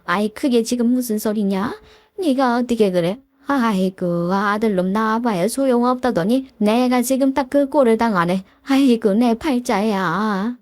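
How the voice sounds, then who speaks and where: A woman voicing an elderly mother-in-law who laments slowly and pleads, in a dramatized story reading. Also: on the high side, darkish tone, no echo, natural voice. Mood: wailing. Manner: drawn-out lamenting delivery.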